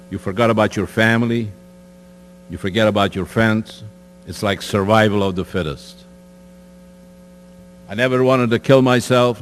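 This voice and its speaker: A man in his eighties giving a plain, direct account to a school audience, with conversational asides. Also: fairly low pitch. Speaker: Holocaust survivor speaker. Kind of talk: testimony talk to students. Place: school hall. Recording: echoey hall with faint mains hum.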